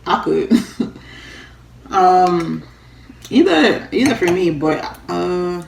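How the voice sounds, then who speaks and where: A woman's voice: fairly low pitch, lively intonation, extremely slow, creaky, a little hiss or hum. A young Jamaican woman chatting casually in a vlog, blunt and outspoken. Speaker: vlogger. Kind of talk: casual chat. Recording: roomy echo.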